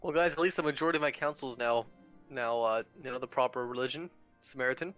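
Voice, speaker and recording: Male co-player, rapid delivery, bright tone, joker of the group. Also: medium pitch, faint music behind. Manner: joking, provocative. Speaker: co-player in a multiplayer game. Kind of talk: casual gaming chat.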